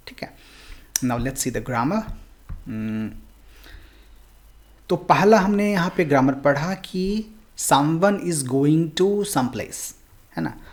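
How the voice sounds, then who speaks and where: A man teaching a language lesson, explaining patiently and switching between Hindi and English. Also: medium pitch.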